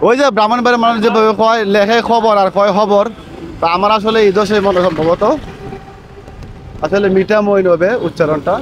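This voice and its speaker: A man's voice: high voice, steady tone, fairly quick. A man chatting casually as a travel vlogger outdoors, repeating himself as he points out the sights. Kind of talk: casual vlog narration. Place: outdoors by floodwater and roads. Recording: noisy outdoor phone recording.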